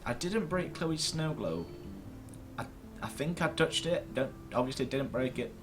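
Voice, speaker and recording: Recording indoors at his computer, a gaming series host offers rambling, casual commentary to camera that's self-deprecating and mildly sweary. His mid-range voice is expressive and a little slow.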